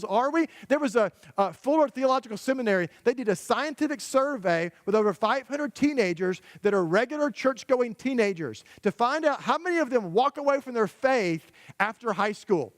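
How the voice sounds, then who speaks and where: A high-pitched middle-aged man delivers a storytelling sermon in a church. He talks conversationally and pushes his points with rhetorical questions to parents. His voice sits close and dry, with almost no room sound. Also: animated, brisk, few pauses, dry recording. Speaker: guest preacher. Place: church sanctuary.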